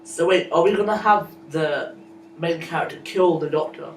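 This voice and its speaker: A man's voice: on the high side, moderate pace, faint music behind. A young British man in his late teens in a student meeting, speaking hesitantly with ums and restarts. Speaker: student in a group planning meeting. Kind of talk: casual group discussion. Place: school classroom. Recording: distant, echoey classroom recording.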